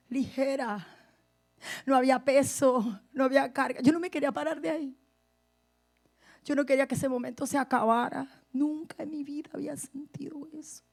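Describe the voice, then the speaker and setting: A woman pastor giving her testimony in a sermon, speaking to her listeners directly and swinging between hushed and forceful delivery. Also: high-pitched.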